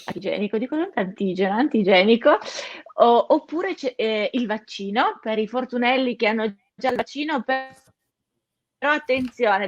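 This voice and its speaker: A woman's voice: a little high, highs cut off. A woman giving an informal explanatory news update, speaking emphatically and stressing her key words.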